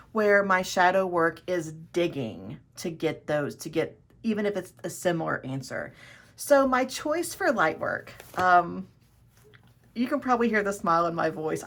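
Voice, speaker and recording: A woman's voice: lowish voice, creaky, fairly bright tone. A woman hosting her own tarot video, chatting casually and enthusiastically, often restarting her sentences as she rambles. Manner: rambling, self-correcting, enthusiastic. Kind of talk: casual chat to camera.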